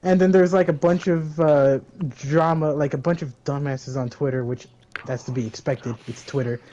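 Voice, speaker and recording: A man's voice: on the high side, steady tone, normal speed, dark tone, highs cut off. A young man co-hosting a podcast, chatting casually with a laid-back, teasing, slangy manner. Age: young adult. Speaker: podcast co-host. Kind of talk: casual chat.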